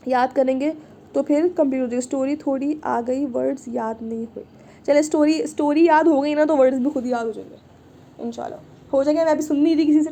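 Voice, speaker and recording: A woman with a high but dark-toned voice teaches an online Arabic class. She patiently repeats things, checks in with her students, and often says "ठीक है".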